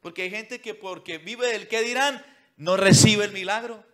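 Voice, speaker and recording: A man preaching a sermon as pastor, swinging from loud emphatic calls to near-whispers and addressing listeners directly with repeated commands. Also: sits high, normal speed. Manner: mocks what churchgoers say in a whiny put-on voice.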